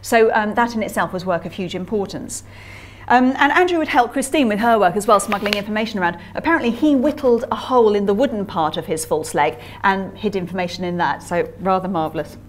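A woman's voice: medium pitch, brisk, a little hiss or hum. A woman author giving a public history lecture, telling stories in a chatty way with frequent ums and uhs. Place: museum lecture talk.

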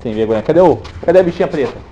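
A man's voice: a little high, lively intonation, very fast, dull audio, slight background noise. A man with a Brazilian accent, coaxing his pet in playful sing-song baby talk. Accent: Brazilian Portuguese. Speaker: pet owner.

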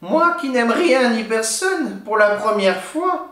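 A lonely, cantankerous old witch from a children's storybook grumbles in a high, slow, plaintive voice, put on by a male reader. She drags out her words and sulks. The reading has a roomy echo around it. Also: animated, heavy background noise, heavily acted. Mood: self-pitying.

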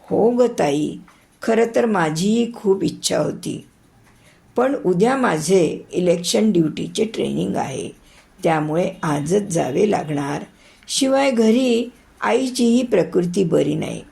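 A woman reading the lines of a young man traveling home, a steady, commanding brother figure in a spoken story. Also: medium pitch, takes it slowly, gravelly, heavily acted. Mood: calm. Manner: urgent commands in the danger scene.

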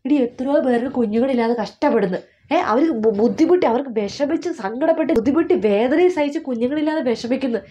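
A woman acting as a nagging middle-aged mother in a comic family skit, scolding with rapid questions. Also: high voice, warm tone, close to an everyday voice. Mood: hushed scolding. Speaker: mother of a new mother.

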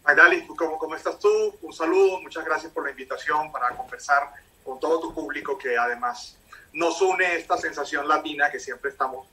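Brief: middle-aged Colombian man, coastal accent close to Venezuelan, bright voice, a bit distant from the mic, video call guest. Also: fairly high pitch, a little fast. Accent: Colombian Caribbean coast, close to Venezuelan. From La Guajira, northern Colombia. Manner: explanatory, fluent with occasional restarts. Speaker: interview guest, psychologist. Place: home room.

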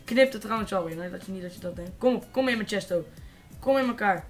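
A teenage boy from the Netherlands giving casual, excitable let's-play commentary, swearing and shouting at opponents. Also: high-pitched, fast talker, faint music behind. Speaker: gaming YouTuber.

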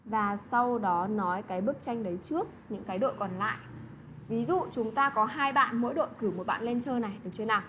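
Teacher lady walking kids through grammar, keeps asking "got it?", slightly higher voice, hissy noisy recording. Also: fast, fairly bright tone. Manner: keeps checking with tag questions. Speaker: English teacher. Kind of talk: online lesson explanation.

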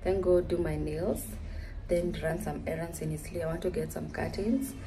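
A Kenyan woman in her twenties chats to a close phone camera in a small bedroom. Her voice sits a little low, and her manner is relaxed and talkative. She drops Swahili words into her English as she goes. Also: moderate pace, background noise. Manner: chatty, mixes in Swahili words. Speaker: vlogger. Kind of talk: casual vlog chat to camera. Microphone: phone camera held close.

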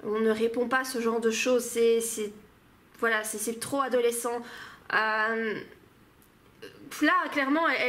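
Woman with a high voice reviewing stories, lots of ums, chatty critique. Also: a bit bright. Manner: hesitant, many fillers. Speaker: book reviewer. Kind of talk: casual spoken critique.

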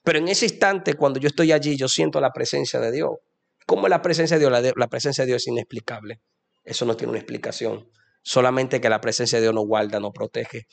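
Gravelly young man giving testimony. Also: mid-range voice, quick pace. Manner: preachy, fervent, addresses listener as "amado". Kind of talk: emotional religious testimony.

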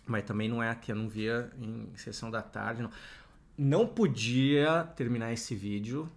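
A man's voice: medium pitch, moderate pace, vocal fry. A man in his thirties from Brazil, chatting casually as co-host with a dry, understated manner. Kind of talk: casual chat.

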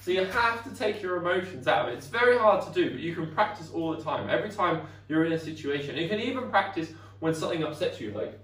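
A man's voice: on the high side, lively intonation, fast talker, hardly any pauses, a bit bright. A man teaching a karate class in a chatty way, often asking "right?" to check the class follows. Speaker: karate instructor. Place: training hall. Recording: echoey room, voice from far off.

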